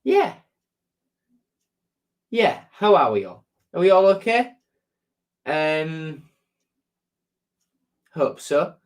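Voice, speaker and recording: A man hosting a live stream reads out viewer comments and answers them in a slightly high, very animated voice, though he speaks very slowly and pauses often. Congested from a sore throat and blocked nose, he chats easily and rambles, padding gaps with ums and repeated words.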